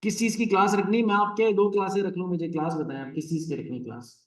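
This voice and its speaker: A male teacher gives a classroom lecture, counting out syllables and stresses as he explains. His voice sits somewhat high for a man. He is recorded from a distance in an echoey room. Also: steady tone, quick pace.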